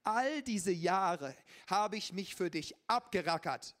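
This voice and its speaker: A bitter, aggrieved elder brother, as a preacher reads him out. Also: male voice, sits high, lively intonation, slow, full character voice. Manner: rising, accusing and loud.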